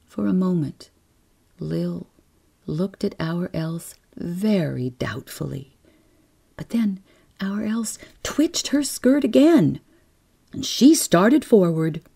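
A woman narrating a bedtime story in a soft, hushed, half-whispered reading. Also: on the low side, animated, slow pace, gravelly, husky.

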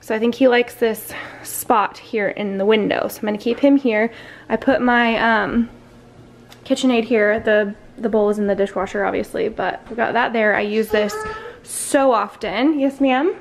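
A young woman with a fairly high voice chats her way around her home kitchen, rambling and filling gaps with "um" and "like." She sounds close to a camera mic, with a faint hum of household noise behind her. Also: normal speed, gravelly. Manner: chatty, rambling with fillers. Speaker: vlogger. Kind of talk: casual cook-with-me narration.

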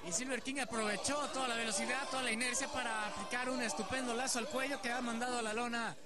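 A Mexican man commentates on wrestling with a very high, raised pitch. His sentences run long and flowing over a loud arena crowd. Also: fairly even intonation, fast talker.

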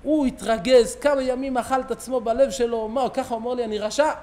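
A rabbi's sermon in a synagogue, delivered by a middle-aged man with a strikingly high voice. He tells stories lively and acts out each character's lines as he goes. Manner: animated storyteller, acting out quoted dialogue. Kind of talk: sermon with storytelling.

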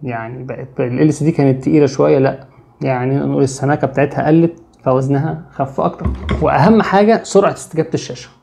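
A man's voice: mid-range voice, racing, creaky, mellow. A young man with an Egyptian Arabic accent, explaining phone screens in a joking, chatty way and teasing the listener with street slang. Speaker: tech channel host. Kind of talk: comic tech explainer.

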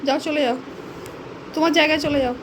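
A woman talks to her dog at home, her voice high and bouncing between scolding and coaxing in a sing-song way. The home video has loud noise behind her. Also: steady tone, brisk. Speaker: pet vlogger. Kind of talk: casual chat with her dog. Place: home, in a bedroom.

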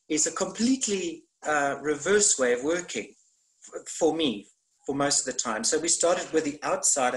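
A man's voice: medium pitch, a bit bright, poor audio. A middle-aged man, a theatre maker, speaking on a video call panel from a room at home, thoughtful and hesitant with many fillers. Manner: gestures widely while talking. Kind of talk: online panel discussion. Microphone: laptop webcam on video call.

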